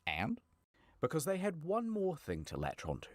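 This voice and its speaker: A man's voice: fairly high pitch, huge pitch swings, normal speed, no room sound, clean studio sound. A man narrating a scripted documentary story in a wry storytelling manner.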